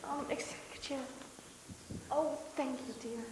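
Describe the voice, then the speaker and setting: A woman's voice: high voice, fairly even intonation, slow pace, distant mic. A woman playing a sweetly polite old lady detective who rambles hesitantly in a comic stage play. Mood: sweet, fussy. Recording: echoey hall from afar, faint hiss.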